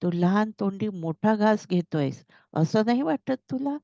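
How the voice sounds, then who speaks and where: A woman's voice: mid-range voice, animated, measured pace, gravelly, dark tone, no room sound. A woman playing a stern creator god. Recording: dull lo-fi recording.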